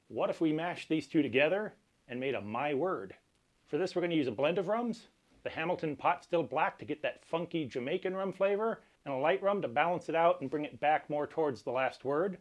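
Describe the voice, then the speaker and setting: A man hosting a cocktail tutorial, explaining each step in a measured, instructional way. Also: on the high side. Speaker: cocktail channel host. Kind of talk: cocktail recipe tutorial presentation.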